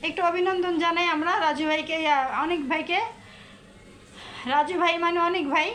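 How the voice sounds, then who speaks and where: A woman's voice: very high voice, level tone, brisk, fairly bright tone. A woman from Bangladesh, hosting a casual live stream, chatty and repetitive as she teases her viewers. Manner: chatty, repeats herself, teasing viewers.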